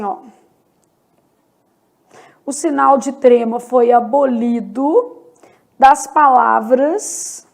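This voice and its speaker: A high-voiced Brazilian woman teaches a grammar lesson for exam prep. She works at an unhurried pace and lets each point land. She often asks the class a question and answers it herself. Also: creaky, darkish tone. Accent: Brazilian Portuguese. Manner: slow and deliberate, asks and answers own questions. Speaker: Portuguese teacher.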